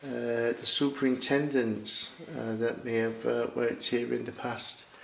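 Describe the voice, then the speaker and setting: A man's voice: mid-range voice, flat delivery, slow pace, vocal fry. Hesitant man in an echoey room. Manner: hesitant, many fillers and restarts. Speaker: ghost hunting group leader. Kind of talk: casual chat while calling out to spirits. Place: large old room in a disused theatre, indoors. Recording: echoey room, faint noise.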